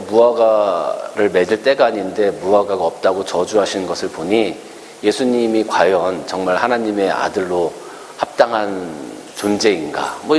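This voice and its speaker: A male pastor giving a conversational sermon, asking his congregation rhetorical questions and acting out quotes in a raised voice. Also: on the low side. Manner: acts out quoted speech in a raised voice. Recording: long hall reverb with faint hiss.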